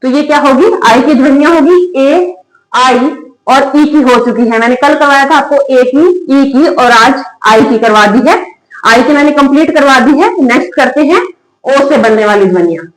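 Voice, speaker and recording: A woman with a high voice teaches English phonics in a classroom manner. She poses a question and answers it herself, and she drills example words slowly. The sound is roomy and echoey. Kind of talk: classroom-style phonics lesson. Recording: echoey room.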